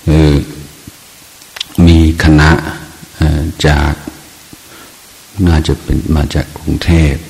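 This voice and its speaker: Older monk with a very deep voice. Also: male voice, creaky, a little mellow, a little hiss or hum. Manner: unhurried, reflective, halting with restarts. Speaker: Buddhist monk. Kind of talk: dharma talk storytelling. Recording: long hall reverb.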